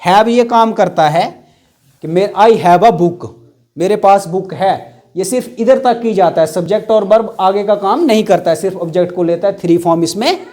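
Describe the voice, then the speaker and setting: A man's voice: high-pitched, moderate pace, a little mellow. A man teaching an English grammar class, asking the students questions and repeating the key words.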